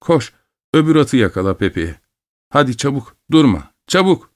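A man's voice: medium pitch, moderate pace, warm tone, dry recording, studio quality, pitched above the performer's own voice, lightly acted. A man voicing a stern, anxious middle-aged mother in an audiobook, giving urgent commands. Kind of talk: audiobook reading.

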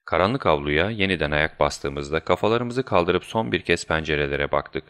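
A man reading a story aloud as narrator, with steady storytelling. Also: a bass voice, normal speed, smooth, dry recording, clean studio sound. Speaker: audiobook narrator. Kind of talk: scripted narration.

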